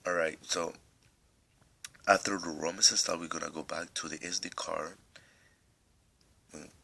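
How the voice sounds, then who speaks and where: Super low gravelly guy with an accent, coughy, rambling thru a phone tutorial, kinda husky. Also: fairly even intonation, normal speed, pushed and bright. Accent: non-native English accent. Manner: rambling, restarts often, step-by-step. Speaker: tech tutorial host. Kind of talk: casual screen tutorial.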